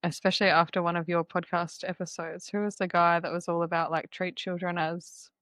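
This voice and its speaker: A woman's voice: lowish voice, flat delivery, a little fast, a bit bright, no echo. A woman hosting a podcast, speaking thoughtfully and hesitantly in casual conversation over a video call. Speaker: podcast host.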